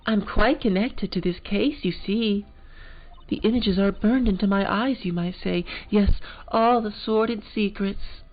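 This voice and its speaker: A man's voice: high-pitched, a little slow, lo-fi sound, faint music behind, voice pushed up. A man voicing a haughty, scheming woman who sells lunches, talking in a posh, theatrical, domineering way.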